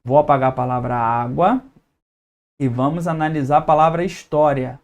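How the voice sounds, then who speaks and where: A man's voice: fairly high pitch, normal speed. A man with a Brazilian Portuguese accent teaching an exam-prep lesson at a whiteboard, explaining step by step and checking in with his students.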